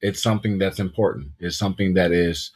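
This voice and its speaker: Deep husky man in his thirties. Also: brisk. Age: 30s. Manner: animated, repeats words while gathering thoughts. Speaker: podcast co-host. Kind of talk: casual podcast chat.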